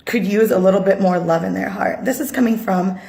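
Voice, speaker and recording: A woman from Sri Lanka making an earnest, halting personal video appeal as a mother, audibly upset and pausing often. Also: mid-range voice, creaky, warm tone. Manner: earnest, halting, with many pauses and fillers. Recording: echoey room.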